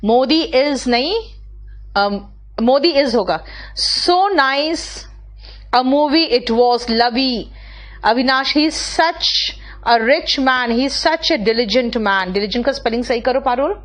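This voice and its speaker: Slow-speaking Indian woman teaching English. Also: fairly high pitch, expressive, a bit bright. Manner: slow, drawn-out reading of English sentences, quick in Hindi asides; praises students by name, patient corrections. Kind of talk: online class, reading out student sentences.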